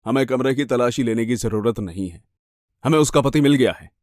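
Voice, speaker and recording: A man voicing a polite, steady police officer delivering hard news in an animated horror story. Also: mid-range voice, brisk, no room sound, clean studio sound, pitched below the performer's own voice, natural voice. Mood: calm. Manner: steady, matter-of-fact.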